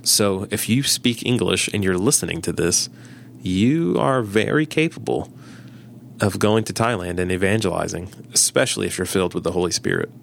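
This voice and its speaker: His voice is low-pitched and gravelly, delivered at normal speed with slight background noise. The man, a pastor on a casual podcast, tells stories with energy and acts out what people said.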